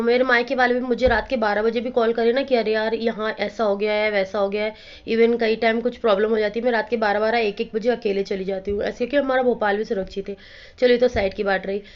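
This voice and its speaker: A woman in her thirties with a hoarse voice, chatting casually to viewers in a home vlog. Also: on the high side. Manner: chatty, addresses viewers directly. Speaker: vlogger. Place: at home, indoors. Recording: slightly dull lo-fi phone audio with faint noise.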